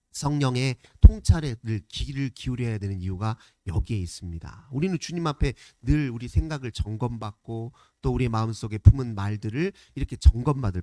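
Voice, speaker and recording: A male pastor delivers a home worship sermon in an easy, explaining manner, his pitch rising and falling a great deal. His tone is mellow and warm, and the sound is close and dry with no room echo. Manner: explanatory, conversational preaching, briefly acting out quoted speakers.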